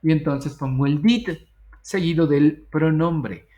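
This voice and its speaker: A man gives an English grammar lesson. His voice sits a little high for a man. He slows right down to dictate English example sentences one by one. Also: mellow. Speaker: English teacher.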